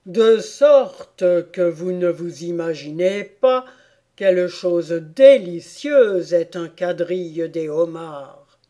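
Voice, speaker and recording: A woman reading an audiobook voices a weepy, sentimental sea-turtle creature with a drawn-out, plaintive delivery. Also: fairly low pitch, expressive, warm tone. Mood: doleful.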